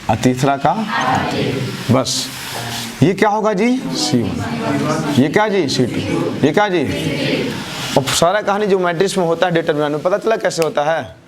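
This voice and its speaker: A man teaching a math class, who keeps asking questions and answering them himself, his answers dropping low and soft. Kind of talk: classroom lecture with call-and-response questions.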